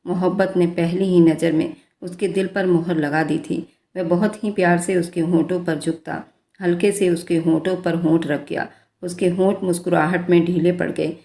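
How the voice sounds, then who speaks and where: Low, mellow woman narrating a romance. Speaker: storyteller. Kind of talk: scripted story narration. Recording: roomy echo.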